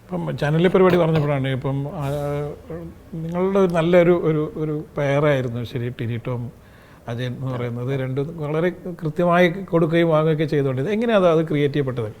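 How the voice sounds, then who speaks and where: A man's voice: a little high, fast, a little mellow, slight background noise. A man hosting an interview, who sets up context before asking his questions and murmurs short acknowledgements while the guest talks. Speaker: interviewer, host.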